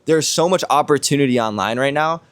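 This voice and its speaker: A man's voice: medium pitch, a little fast, clean tone. Man coaxing listeners in casual podcast talk. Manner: rhetorical questions, tags points with "right?". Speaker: podcast co-host. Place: outdoors on a villa balcony.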